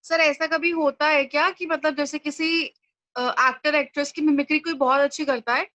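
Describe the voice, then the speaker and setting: A young woman student with a bright, high voice puts a hesitant question to her teacher. The sound is dry and slightly dull. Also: steady tone, no room sound. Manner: asks a question haltingly, addresses the teacher as sir.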